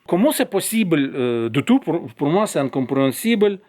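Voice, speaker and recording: A man speaking French with a foreign accent, addressing a newsroom in a halting monologue full of restarts. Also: fairly high pitch, very animated, warm tone. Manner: hesitant, halting, many restarts. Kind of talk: open-letter monologue to camera.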